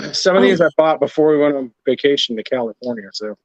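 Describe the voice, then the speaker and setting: A man joining a casual chat by video call, talking through a muffled, underwater-sounding laptop mic in a relaxed, rambling way. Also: a little high, a little fast, creaky, no room sound. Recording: dull, dry lo-fi laptop mic over a call.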